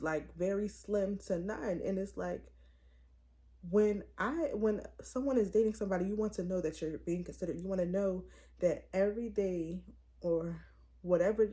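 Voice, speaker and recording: A young woman hosting her own channel, chatting casually and with conviction, full of "like" and "it's like". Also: mid-range voice. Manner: animated, opinionated, lots of "like" and "it's like". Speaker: vlogger host. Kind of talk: casual chat to camera.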